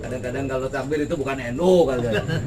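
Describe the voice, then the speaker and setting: A man's voice: medium pitch, quick pace. A man preaching a sermon to an evening gathering. He asks his listeners questions and leads them in call-and-response. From West Java, Indonesia. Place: outdoor evening gathering with a crowd. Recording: distant mic with background noise.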